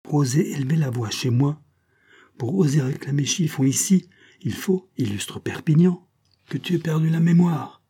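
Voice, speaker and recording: A man voicing a defiant old male woodsman in an audiobook, speaking loudly and indignantly with a husky voice. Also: fairly high pitch, moderate pace, pitched above the performer's own voice. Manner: loud, indignant, rising to shouts.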